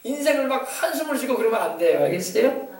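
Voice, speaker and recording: A male pastor preaches rapidly and emphatically in a high voice with big pitch swings, switching between loud exhortations and commands and quieter asides. He's recorded from a distance in a church sanctuary, and the hall echoes heavily around him.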